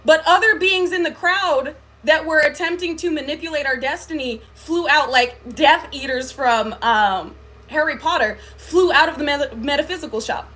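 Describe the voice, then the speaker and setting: A woman's voice: sits high, moderate pace, a bit bright. A woman talking to her viewers on a livestream, telling a spiritual story in an earnest way with many filler likes and ums. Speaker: spiritual reader. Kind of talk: livestream talk.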